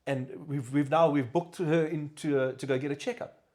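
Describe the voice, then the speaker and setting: A South African man hosting a podcast, chatting casually and telling lively stories. He slips into the voices of the people he quotes. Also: a little high, normal speed. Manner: animated storyteller, acts out quoted voices. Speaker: podcast host. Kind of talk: casual chat.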